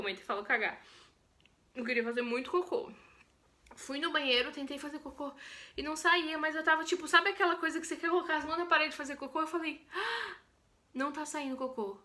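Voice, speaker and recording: Young brazilian woman vlogging, high bright voice, chatty and animated, acts out what she said. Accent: Brazilian Portuguese. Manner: chatty and expressive, acts out her own cries and quotes. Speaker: vlogger telling her birth story. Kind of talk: casual storytelling vlog.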